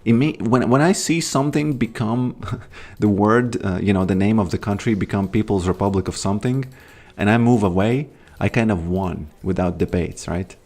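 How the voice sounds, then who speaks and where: Talking at normal speed with hardly any pauses, a man from Latvia with a lowish, darkish voice hosts a casual gaming livestream. He greets chat and keeps rambling and musing as he plays.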